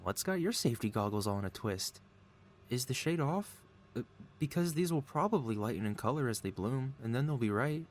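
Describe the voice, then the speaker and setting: A man performs a scripted ASMR audio roleplay as a gleeful, lovesick supervillain mad scientist, melodramatic and wheedling with feigned innocence, in a gleeful, doting mood. His medium-pitched voice is expressive, a little fast, and close to an everyday voice. There's slight hiss or hum.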